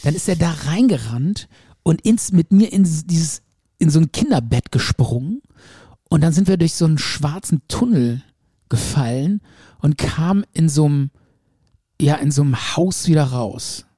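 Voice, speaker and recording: Husky, dark-voiced man telling a story. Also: a little high, normal speed, no echo, clean studio sound. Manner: animated, rambling, acts out quotes. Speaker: podcast co-host. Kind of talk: casual storytelling.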